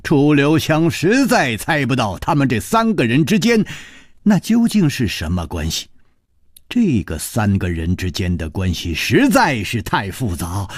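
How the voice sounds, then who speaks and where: A man's voice: no echo, studio quality. A man narrating a story in a dramatic storytelling style. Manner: dramatic, slow, widely varied pitch.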